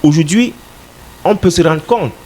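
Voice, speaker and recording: A Cameroonian man representing a political party answers radio interview questions emphatically and insistently, sometimes repeating words while he searches for them. His voice is on the high side, a little slow and mellow, and the audio is poor with slight background noise.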